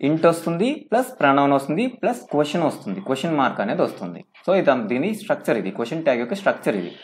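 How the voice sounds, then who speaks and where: A man lectures on English grammar, his fairly high voice swinging widely in pitch. He explains step by step, reads out each English form slowly and keeps checking in with "okay?". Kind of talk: classroom lecture.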